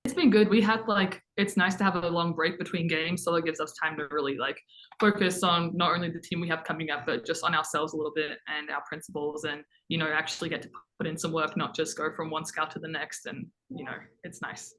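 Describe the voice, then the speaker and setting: A woman's voice: sits low, steady tone, brisk, a bit bright, poor audio. A young woman from Adelaide with an Australian accent, giving casual interview answers on a video call. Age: young adult. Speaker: college basketball player. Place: indoor team room, video call.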